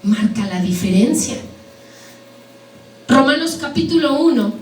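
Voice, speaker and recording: Woman preacher, high voice, echoey hall, sermon with questions to the congregation. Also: animated, measured pace. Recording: echoey hall, mic at a distance, faint background noise.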